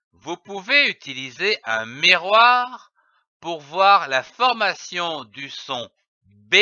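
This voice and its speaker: A man teaches early reading at a very slow, deliberate pace, sounding out each letter and syllable for young children. His voice is bright and fairly high, and it rises and falls in a lively way. The sound is dry and a little dull. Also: no room sound.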